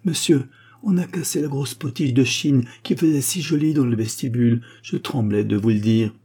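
A man's voice: mid-range voice, steady tone, moderate pace, dark tone, slightly rough, pitched above the performer's own voice, close to an everyday voice. A man voicing a fretful old governess. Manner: anxious, lamenting. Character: old fussy governess woman, fretful servant.

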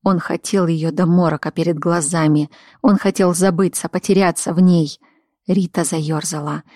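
A woman narrating an audiobook in a steady, measured reading voice. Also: fairly low pitch, dry recording, clean studio sound. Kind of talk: scripted narration.

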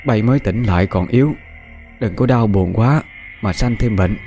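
A tired, grieving old country mother, put on by a man. Her voice drops low and dark, and she speaks slowly and soothingly in this audio ghost story, faint music behind. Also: lightly acted.

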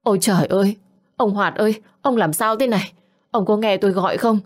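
A woman's voice: fairly low pitch, moderate pace, lightly acted. A woman voicing a frantic older village wife, crying out and wailing for help in a Vietnamese folk tale.

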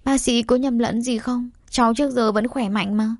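Brief: woman reader as a scared, weepy young daughter, higher voice, dry recording. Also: steady tone, moderate pace, no echo. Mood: stunned. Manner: pleading, sobbing. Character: frightened tearful young woman, pregnant daughter.

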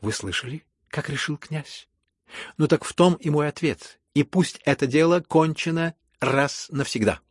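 A man voicing a sharp-tongued proud young woman. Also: mid-range voice, sing-song, normal speed, husky, dry recording, studio quality. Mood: commanding. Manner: sharp, mocking, challenging. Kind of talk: audiobook character voice.

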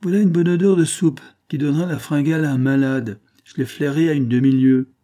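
A man voicing a jovial, gossipy old male peddler in a storybook reading, hearty and loud. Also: fairly high pitch, fairly even intonation, fairly quick, pitched above the performer's own voice, lightly acted.

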